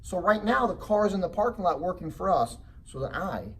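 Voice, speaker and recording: Animated man pitching from the stage. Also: brisk, recorded from a distance, slight background noise. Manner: animated storytelling with frequent rhetorical check-ins. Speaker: real estate investing seminar presenter. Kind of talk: motivational sales seminar talk.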